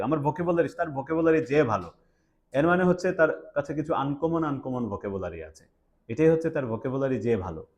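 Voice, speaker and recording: A man's voice: on the high side, darkish tone. A young man teaching an English class, quizzing his students and mixing English words into his explanations. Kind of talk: classroom lecture.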